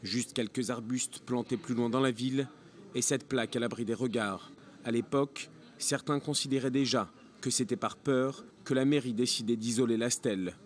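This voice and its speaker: A man's voice: mid-range voice, steady tone, moderate pace. A man reading a scripted news report as a radio reporter.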